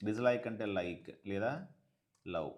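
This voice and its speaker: A man with a Telugu accent teaching an English textbook lesson, explaining in Telugu and reading the English text slowly and emphatically. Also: fairly low pitch. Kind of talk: exam-prep textbook lesson.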